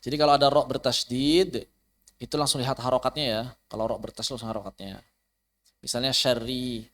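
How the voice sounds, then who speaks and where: A man teaching Quran recitation rules in an online class, explaining plainly and chanting example words slowly. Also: mid-range voice, steady tone, fairly bright tone. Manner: addresses students directly, invites questions. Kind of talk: online tajwid lesson. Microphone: online class recording.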